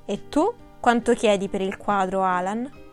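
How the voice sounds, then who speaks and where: A woman's voice: medium pitch, measured pace, faint music behind, close to an everyday voice. A woman voicing a cheerful, generous and impulsive young man who speaks lightly, in an audiobook reading.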